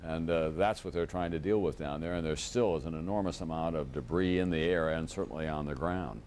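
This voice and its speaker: A male news anchor with a very low voice speaks in a measured, grave way, pausing often and filling gaps as he talks through live coverage. The sound comes from an old VHS tape of a TV broadcast, with a faint hiss behind it. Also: a little mellow. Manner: measured, grave, with frequent pauses and fillers. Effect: old VHS tape recording of a TV broadcast.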